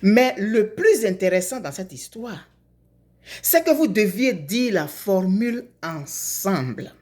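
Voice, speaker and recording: A woman's voice: mid-range voice, lively intonation, slow, a little mellow. A woman telling of a patient wise old man. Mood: reproachful.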